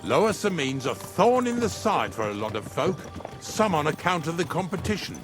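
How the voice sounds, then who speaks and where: An actor playing a gruff, talkative older rustic wagon driver in a medieval video game, with a folksy, rambling manner. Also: male voice, a little high, big pitch swings, normal speed. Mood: chatty, grumbling. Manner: folksy, rambling, plain-spoken. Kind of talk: video game dialogue acting. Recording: music behind the voice.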